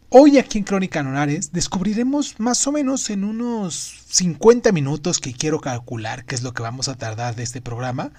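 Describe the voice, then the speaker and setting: A man hosting a podcast, narrating a semi-scripted book summary with emphatic stresses on phrases. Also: on the high side. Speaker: podcast host.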